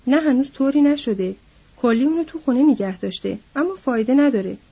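A loud, gossiping young ranch hand, as a woman reader puts him on, pitched a little high and mellow, with a husky edge. He talks eagerly about town and the girls, loud and lively. The reading is on a dull lo-fi recording. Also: exaggerated voice.

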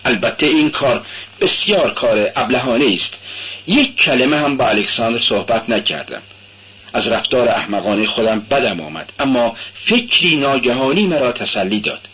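A man reading aloud and voicing an excitable, loyal young male friend with an animated, eager, pitched-up delivery. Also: highs cut off, a little hiss or hum.

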